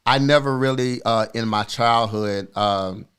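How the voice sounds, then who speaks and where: This man in his forties co-hosts a podcast and tells a personal story earnestly and reflectively, pausing often and using fillers. His voice is medium-pitched, fairly bright and smooth.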